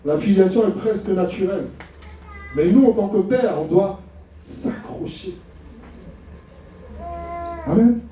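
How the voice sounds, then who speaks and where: A middle-aged male pastor from France preaching with humor and rhetorical questions. His mellow, dark-toned voice rings through a very echoey church hall and sounds set back from the mic. A faint hiss sits under it. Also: high voice, normal speed, distant mic. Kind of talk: sermon.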